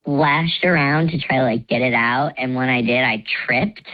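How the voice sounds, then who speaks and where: A man on a call telling a casual confession story, his voice disguised by a voice changer that pitches it far down, rambling and saying "like" often. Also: moderate pace, highs cut off. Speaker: anonymous caller.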